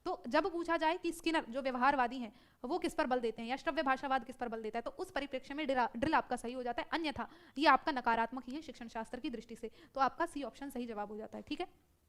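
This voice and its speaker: High-pitched lady teacher talking fast, live online prep class, corrects herself a lot and keeps asking the class. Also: fairly bright tone. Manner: brisk, self-correcting, often asks the class and checks in with "ठीक है".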